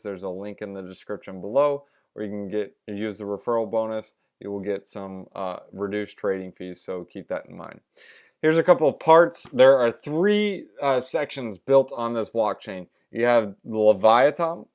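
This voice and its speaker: A man's voice: on the low side, smooth. A young man hosting a crypto review vlog like a crypto bro, talking informally with slangy asides and hype. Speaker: crypto channel host.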